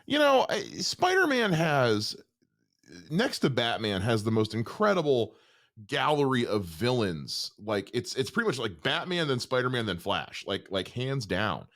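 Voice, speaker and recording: Man, trailer reaction host, exasperated rant, lively swooping pitch. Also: measured pace. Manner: animated, exasperated ranting.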